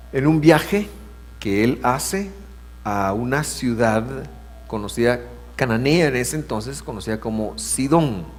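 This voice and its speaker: A pastor with a mid-range voice delivers a sermon in a lively, rising-and-falling cadence, shifting from hushed asides to loud emphasis. A long reverb carries his words through the church hall.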